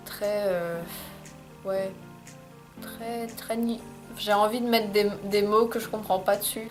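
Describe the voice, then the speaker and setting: A young woman, chatting casually in a recommendations vlog, hesitant, with many fillers and restarts. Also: mid-range voice. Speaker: vlogger. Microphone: camcorder microphone.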